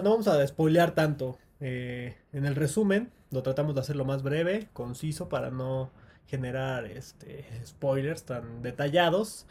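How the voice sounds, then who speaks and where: A man's voice: on the high side, a little mellow. A man hosting a casual film podcast, steering the segment and recounting a favorite scene at length. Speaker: podcast host. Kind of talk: casual movie discussion.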